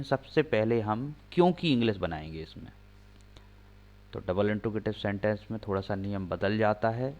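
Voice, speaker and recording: Man teaching grammar, slow and explanatory. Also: fairly low pitch, a little mellow. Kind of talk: classroom-style explaining lesson. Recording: slightly dull lo-fi recording.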